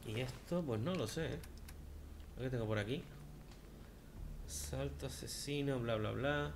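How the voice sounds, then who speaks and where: A man's voice: medium pitch, unhurried, noisy background. Sarcastic Spanish gamer man. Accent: Spain Spanish. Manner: chatty and sarcastic, with sudden loud outbursts. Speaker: gaming video host. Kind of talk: let's-play commentary. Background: game music.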